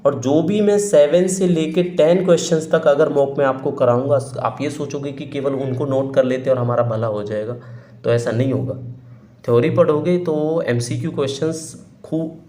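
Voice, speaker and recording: A man's voice: a little high, moderate pace, mellow. Man teaching in an echoey room. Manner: repeats questions to students, explanatory. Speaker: exam-prep teacher. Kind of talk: online lecture.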